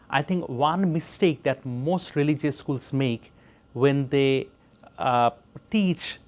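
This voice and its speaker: A middle-aged man from Bangladesh, a professor speaking in an interview in an earnest, measured way with frequent pauses and fillers. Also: mid-range voice, a little mellow. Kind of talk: reflective interview talk.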